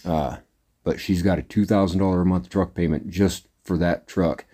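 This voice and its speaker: A man's voice: low-pitched, fairly even intonation, moderate pace, mellow, husky. A middle-aged man vlogging casually to his viewers, rambling in a plain-spoken way with lots of "uh"s and "anyways". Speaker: trucker vlogger. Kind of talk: casual monologue to camera.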